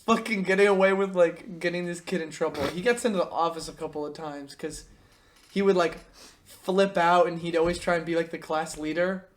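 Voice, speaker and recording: A young man hosting a casual podcast, telling animated stories with laughter and quick impressions. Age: young adult. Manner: animated storyteller, breaks into laughter and high-pitched impressions. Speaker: podcast host. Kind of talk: casual chat.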